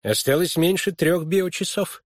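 A man's voice: fairly high pitch, measured pace, no echo, studio quality, pitched above the performer's own voice, lightly acted. A man voicing an older, irritable and tired male official in an audiobook, testy with a touch of old-fashioned gallantry. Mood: brisk.

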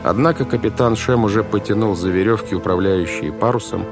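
A man narrating an audiobook in a measured, expressive storytelling manner. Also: on the low side. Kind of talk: scripted narration. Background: music.

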